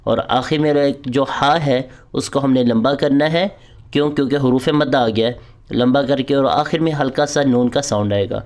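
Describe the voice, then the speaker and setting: Patient explanations of each point come from a man teaching prayer recitation in an online class. His voice sits at a medium pitch and is a little mellow, and he recites long, drawn-out example lines for his students to say back.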